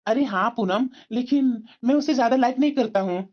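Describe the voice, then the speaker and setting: A sly young cartoon husband, voiced by a woman, who coaxes and dodges with endless fillers. The voice sits fairly high. The recording sounds dull and lo-fi. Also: a little fast, close to an everyday voice. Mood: evasive. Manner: coaxing and evasive, many fillers. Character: cheating young husband, smooth-talking office boss. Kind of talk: cartoon voice acting.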